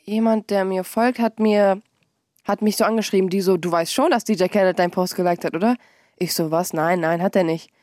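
A young woman, a musician, chatting casually in an interview, animated and quick to laugh, acting out quotes in a higher voice. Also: dry recording, studio quality. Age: young adult. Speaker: musician guest.

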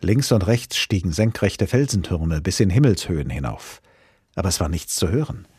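Tiefe, heisere Erzählerstimme eines Mannes. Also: male voice, low voice, sing-song, moderate pace, a little mellow, husky, dry recording, studio quality. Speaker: audiobook narrator. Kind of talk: storybook narration.

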